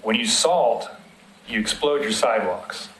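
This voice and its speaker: A man's voice: mid-range voice, animated, unhurried, a bit bright, a little hiss or hum. Plainspoken man in an echoey meeting room. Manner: practical, plainspoken, explains with examples. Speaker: city road maintenance staff presenting. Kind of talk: public committee meeting discussion.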